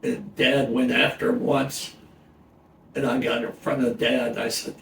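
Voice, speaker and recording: A very old man in his nineties, reminiscing casually in halting, rambling speech as he answers an interviewer. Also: mid-range voice, level tone, creaky, a bit bright. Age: 90s. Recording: roomy, distant mic, faint background noise.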